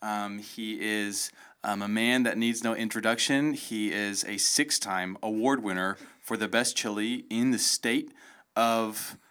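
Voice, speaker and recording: A man's voice: lowish voice, steady tone, a little slow, fairly bright tone, clear, resonant tone. A man co-hosting a podcast in a casual, informal, joking way. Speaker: podcast co-host.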